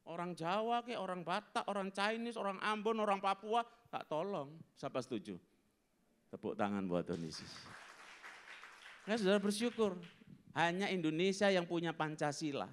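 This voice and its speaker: Lively high-voiced male pastor preaching. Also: normal speed, a little hiss or hum. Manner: animated, acts out scenes, asks the congregation questions. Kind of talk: sermon. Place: church service.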